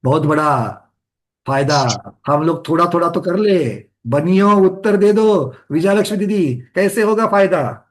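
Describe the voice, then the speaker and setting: A man's voice: high voice, a little slow. A man leading an interactive religious study lesson, questioning his students and explaining with rhetorical questions. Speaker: teacher of a scripture study class.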